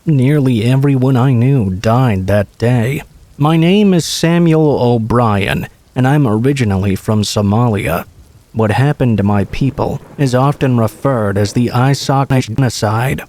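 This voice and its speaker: A man reading true scary stories aloud in the first person, in an even storytelling way. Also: mid-range voice, measured pace. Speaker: horror story narrator.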